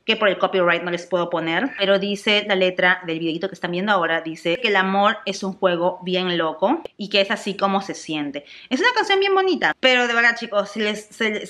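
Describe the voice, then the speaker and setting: A young adult woman from Peru with a Peruvian Spanish accent, chatting excitedly in a casual gossip vlog and dropping English exclamations. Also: medium pitch. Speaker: celebrity gossip vlogger.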